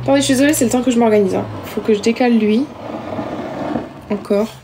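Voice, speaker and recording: A young woman livestreams from home on her phone, chatting casually with viewers in a talkative, self-mocking way. Her voice is fairly high and she talks fast, with background noise in the recording.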